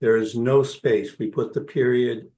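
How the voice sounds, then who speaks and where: A man on a video call asking a question in a workshop, speaking slowly and carefully to check he understands. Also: mid-range voice, fairly even intonation, dark tone. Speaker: workshop participant. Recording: roomy echoey call audio.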